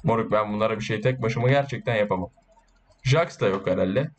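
A man giving casual, excitable gameplay commentary, boasting and swearing while urging his teammates on. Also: on the low side, brisk, highs cut off. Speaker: gaming YouTuber.

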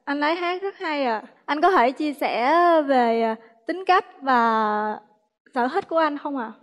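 High-voiced young southern Vietnamese woman. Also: expressive, measured pace, fairly bright tone, big-room sound. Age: 20s. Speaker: dating show contestant. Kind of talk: self-introduction on a dating show. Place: TV studio stage.

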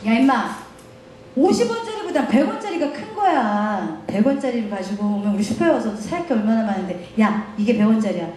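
Brief: woman voicing a scolding middle-aged shopkeeper, lively pitch, roomy hall. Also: brisk, slight background noise, natural voice. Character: gruff neighborhood shop owner, middle-aged man, scolding.

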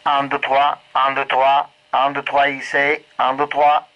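Man, over walkie-talkie radio, monotone test counting, dull narrow speaker sound. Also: mid-range voice, a little slow. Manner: flat, repetitive counting.

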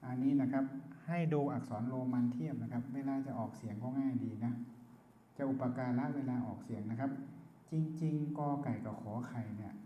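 A man with a Thai accent teaching Pali grammar, chanting letter lists and then explaining and demonstrating sounds aloud. He speaks politely and ends his phrases with a soft "krap". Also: medium pitch, normal speed, echoey room, dull audio. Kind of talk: chanting recitation and explanation lesson.

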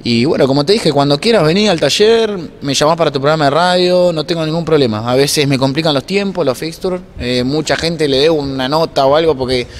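Fairly high-pitched and a little fast, with few pauses, a twenty-something Argentine-accented man speaks casually as an interview guest. A handheld microphone is held toward the racing announcer and workshop mechanic in a noisy, block-walled indoor room at a racetrack, and the ambient noise comes through clearly.

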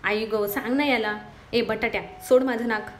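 A woman's voice: fairly high pitch, normal speed, a little hiss or hum, natural voice. Woman reading a sassy little sister, cheeky, storybook voice. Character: cheeky young woman, quick-tongued sister.

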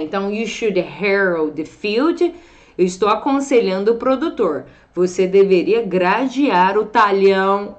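A woman's voice: medium pitch, lo-fi sound. A Brazilian woman teaching English vocabulary, pronouncing words carefully and often checking in with her students. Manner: slow, careful, drawn-out pronunciation of English words; frequent check-ins like "tá bom?" and "ó". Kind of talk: vocabulary lesson.

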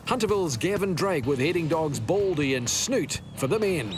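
A man with a New Zealand accent reading scripted narration for a sports highlights programme. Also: lively intonation, moderate pace. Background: music.

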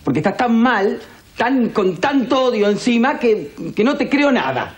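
A man's voice: very high voice, sing-song, moderate pace. An actor playing a fed-up man who firmly accuses a woman of lying. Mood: accusing. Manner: firm, accusing. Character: exasperated man confronting his lying partner. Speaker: telenovela character.

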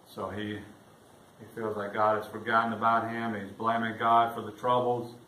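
With little pitch movement and normal speed, a pastor preaches his sermon far from the mic in an echoey church. Scripture readings make him swell louder and higher. The audio is roomy and echoing, his voice off-mic, with faint noise in the room.

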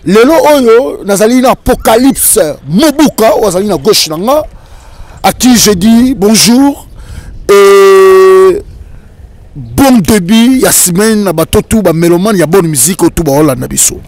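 A man in his thirties with a high voice presents like an announcer, speaking into a handheld microphone outdoors by a river. The sound is dry and close, with little room around it. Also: lively intonation, unhurried, a little mellow, dry recording. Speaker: interview host. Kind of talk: energetic show presenting in French and Lingala.

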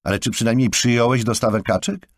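A man's voice: medium pitch, fast talker, no echo, studio quality, voice pushed up, close to an everyday voice. A man voicing an irritable, bossy chef and father in an audiobook, snapping and exasperated. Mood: angry.

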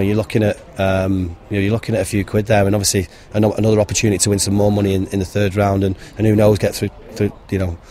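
A man, a football manager giving a frank post-match interview by the pitch, with many ums and restarts. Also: a little mellow, slight background noise. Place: outdoors beside a football pitch. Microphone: handheld interviewer mic held to him.

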